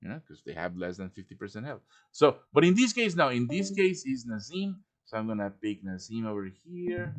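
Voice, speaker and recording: Over voice chat on a live stream, a man hosts an informal software tutorial, thinking aloud through each step as he improvises. His mid-range voice moves briskly with big swings in pitch.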